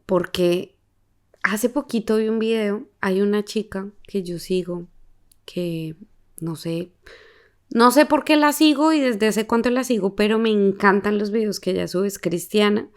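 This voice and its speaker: A woman in a casual podcast chat, telling stories with animated, laughing energy and acting out the people she quotes. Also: medium pitch, unhurried, clean tone.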